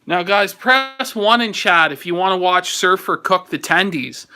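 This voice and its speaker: A man sits beside the host and reads the viewers' comments aloud, adding dry jokes. His voice is high, bright and tense, and it cuts through clearly. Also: animated, measured pace. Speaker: co-host reading chat. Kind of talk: casual chat.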